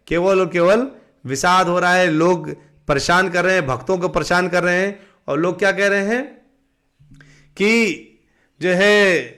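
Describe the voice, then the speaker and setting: A man giving a live-streamed devotional talk, asking the audience questions and answering them himself, sometimes breaking into slow sung chanting. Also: sits high, a bit bright. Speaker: devotional teacher.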